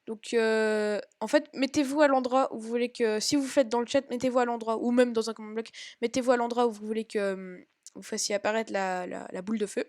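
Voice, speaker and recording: A woman talking casually through a game tutorial on her own microphone, halting and correcting herself as she explains. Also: fairly high pitch, fairly even intonation, darkish tone, no echo, studio quality. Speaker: Minecraft tutorial maker. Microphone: own home microphone.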